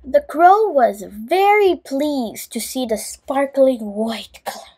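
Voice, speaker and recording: A woman with a high, slightly rough voice reads a children's bedtime story aloud. She speaks expressively and deliberately, acting as host for young listeners.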